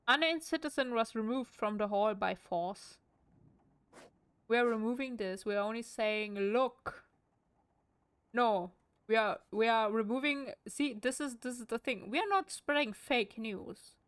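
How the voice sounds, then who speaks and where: A woman's voice: fairly high pitch, a bit bright, dry recording. A woman with a German accent streaming a game at home, reading in-game text aloud with wry, chatty asides.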